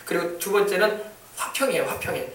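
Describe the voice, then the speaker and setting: A man preaching from the pulpit in a high, rapid voice, stressing words and shouting hallelujah between points. The sound comes from a distance in an echoey church hall. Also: animated, vocal fry. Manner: emphatic, repetitive, calls out hallelujah. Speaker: pastor. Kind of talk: sermon. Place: church sanctuary.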